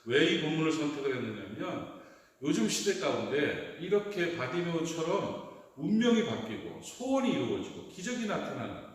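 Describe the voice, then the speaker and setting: A man, a pastor, preaching a sermon with animated delivery, acting out cries and dialogue from the story. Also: medium pitch, very echoey, big-room sound, recorded from a distance. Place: church sanctuary.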